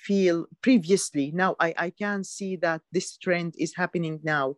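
A woman's voice: fairly low pitch, fairly even intonation, measured pace, no room sound. A woman from Syria, talking as a guest in a casual chat, often hesitant and restarting her sentences. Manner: hesitant, many restarts and fillers.

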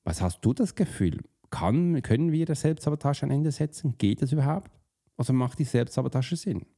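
A man's voice: mid-range voice, lively intonation, normal speed, vocal fry, warm tone. A man teaching about self-sabotage as a profiling coach, speaking straight to the listener with casual rhetorical questions and restarting words mid-sentence. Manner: informal, restarts mid-word. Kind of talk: motivational teaching monologue.

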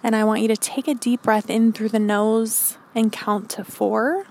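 A woman podcast host leading a calm grounding meditation, giving gentle, encouraging instructions. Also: a little high, a little slow, slight background noise.

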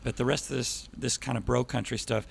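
Gravelly man hosting a podcast. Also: mid-range voice, brisk, slight background noise. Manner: relaxed, opinionated, chatty. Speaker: podcast host. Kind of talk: casual chat. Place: band rehearsal space by a train track. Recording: podcast in a rehearsal space.

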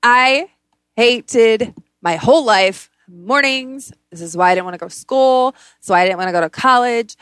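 A woman's voice: on the high side, normal speed, fairly bright tone, clear, resonant tone, dry recording, studio quality. A woman hosting a casual motivational self-help podcast, speaking informally and bluntly, with emphatic repetition of words. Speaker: podcast host.

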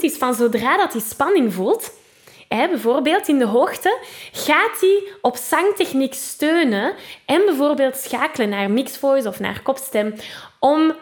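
A woman with a Flemish accent leads a singing lesson in a fairly high voice. She explains registers patiently, tags her sentences with a chatty "hè", and sings short vocal examples as she goes. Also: animated, normal speed. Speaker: singing teacher and podcast host. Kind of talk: spoken vocal lesson with sung demonstrations.

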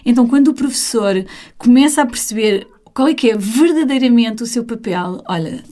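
Lively European Portuguese woman teacher. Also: on the high side, normal speed. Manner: animated, acts out children's and teacher's voices. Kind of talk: casual conversation.

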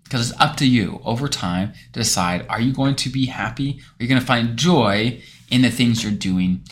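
A man's voice: medium pitch, normal speed. A man hosting his channel as a financial planner, telling a story in casual talk to camera, with restarts.

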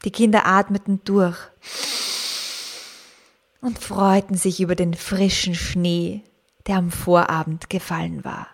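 A woman narrating a children's story gently, speaking directly to the young listener. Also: lowish voice, steady tone, vocal fry. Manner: slow, gentle, addressing the young listener, at times whispering.

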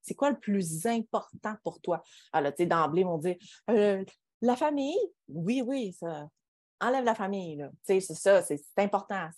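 Low-pitched woman with Quebec French accent. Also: lively intonation, normal speed, a little mellow, no echo. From Quebec, Canada. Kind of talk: casual podcast conversation.

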